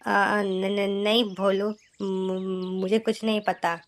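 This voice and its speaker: A woman voicing a kind, caring young bird in a children's cartoon, gentle and reassuring. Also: medium pitch, level tone, slow pace. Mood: nervous. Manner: gentle, reassuring, stammers when nervous.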